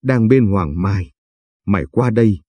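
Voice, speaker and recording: Guarded young mother voiced by a man, short subdued lines, warm husky tone, audiobook. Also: on the low side, measured pace, no echo, dull audio.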